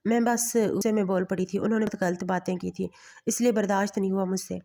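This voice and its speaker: A woman's voice: medium pitch, fairly even intonation, dark tone, lightly acted. A woman voicing a frightened young wife who pleads and apologizes. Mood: pleading.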